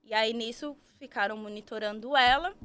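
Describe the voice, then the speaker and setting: A woman's voice: a little high, normal speed, sharp tone, clean tone. A woman, telling her story as a podcast guest, chatty and full of tag questions. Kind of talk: casual storytelling.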